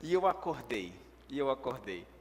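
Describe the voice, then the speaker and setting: A preacher telling a personal story in a sermon. He acts out his own words, picking up in the action and dropping low in prayer. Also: normal speed. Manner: lively when telling the action, hushed in prayer. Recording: echoey hall reverb.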